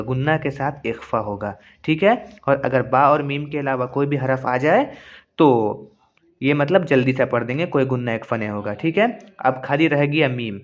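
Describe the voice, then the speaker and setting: A man's voice: medium pitch, muffled recording. A man teaching Quran recitation rules, explaining patiently and repeating each point. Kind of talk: explanatory lesson with slow recited examples.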